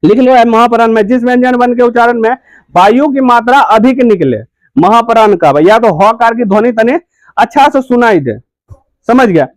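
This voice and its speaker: A man's voice: very high-pitched, moderate pace, dry recording, poor audio. A man teaching a grammar class, repeating each question and answering it himself.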